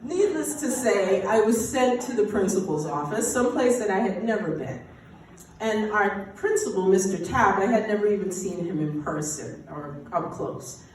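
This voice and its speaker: A woman's voice: mid-range voice, normal speed, slight background noise. A woman telling a story on stage at a live story event, acting out her past self's dialogue. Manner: animated, acts out her own past dialogue. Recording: very echoey, from far off.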